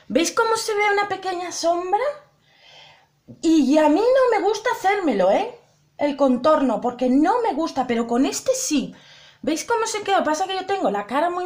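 A young woman chatting casually to her viewers through a makeup tutorial, often repeating and asking if they see. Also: very high-pitched. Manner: chatty, addresses viewers directly, repeats herself. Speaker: beauty vlogger.

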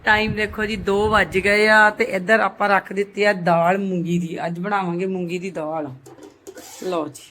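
A woman's voice: medium pitch, little pitch movement, moderate pace. A middle-aged woman chats casually for a home vlog with dramatic, auntie-like exclamations and teasing questions. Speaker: family vlog host. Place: indoors at home. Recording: noisy handheld home vlog recording.

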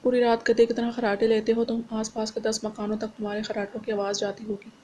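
Storybook wife, sulky and quarrelsome, scolding in a flat narrow tone, read by a woman. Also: fairly high pitch, fast, slight background noise, close to an everyday voice. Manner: scolding, whiny complaints.

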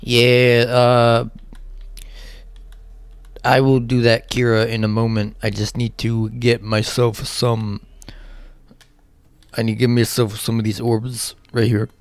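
A man's voice: medium pitch, completely flat delivery, takes it slowly, long pauses, clean tone, dry recording. A man giving casual, rambling let's play commentary, swearing often and talking to himself as he plays. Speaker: gaming channel host.

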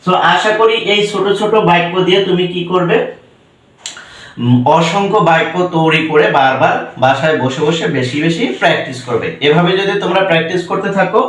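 A man's voice: on the high side, animated, fairly quick, fairly bright tone. A man with a Bengali accent teaching spoken English, spelling words letter by letter and asking and answering his own questions. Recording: roomy echo, distant mic.

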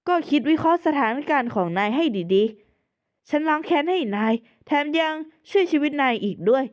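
A woman's voice: sits high, animated, normal speed. A young woman narrating a manga recap and voicing the heroine, composed and firm.

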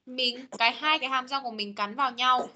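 A woman teaching English online, modeling words slowly and correcting students patiently. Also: high-pitched, fairly even intonation, a crowd in the background. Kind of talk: online class pronunciation drill. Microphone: computer mic on video call.

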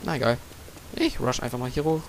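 German let's play guy talking over his game, excitable, swears a lot, mumbles then yells. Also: mid-range voice, brisk, creaky, slight background noise. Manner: excitable, yells and repeats words in a rush during fights; swears casually, mutters to himself. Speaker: let's player. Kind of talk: gaming commentary.

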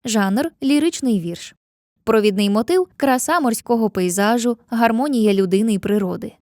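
A woman narrates a scripted literature lesson in a mellow, fairly high voice. Her delivery is clear and measured, and she slows down for lines of poetry. The recording is dry and close, with no room sound. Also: no room sound.

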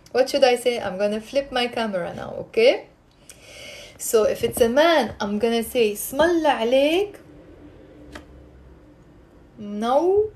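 A woman in her thirties with a fairly high voice and a Lebanese accent. She teaches in an informal, animated way, encouraging her listeners and repeating words carefully, as if live to a phone in a room at home. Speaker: Arabic teacher and live stream host. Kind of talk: informal live language lesson, explaining and questioning viewers. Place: small indoor room at home. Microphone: phone at arm's length.

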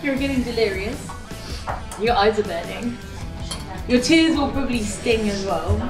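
A woman's voice: a little high, normal speed. A woman in her thirties chatting casually in a small room. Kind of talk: casual chat. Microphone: camera mic across the table. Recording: distant roomy audio under loud music. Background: loud music.

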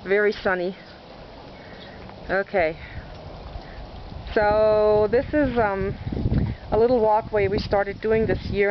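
A woman giving a chatty, self-deprecating walking tour of her sunny backyard garden, narrating as she goes. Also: mid-range voice. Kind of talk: casual walking video tour. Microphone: handheld camera mic. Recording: dull lo-fi camcorder audio with outdoor noise.

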